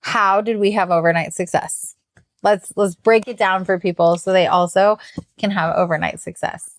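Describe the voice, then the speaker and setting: A woman's voice: fairly low pitch, steady tone, moderate pace, no room sound, clean studio sound. A middle-aged woman co-hosting a podcast in casual, rambling chat, tired and yawning, laughing often. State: sleepy. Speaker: podcast co-host.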